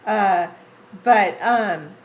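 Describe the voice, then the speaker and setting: A woman's voice: medium pitch, extremely slow, roomy sound, low-quality recording. A woman in her sixties hosting a gaming livestream, chatting casually with her viewers and reading chat names aloud, rambling with frequent restarts. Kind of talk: casual chat with live chat readers.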